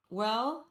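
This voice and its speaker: A woman playing a tabletop game, chatting casually in a playful, exclamatory way. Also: medium pitch. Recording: roomy, echoey sound.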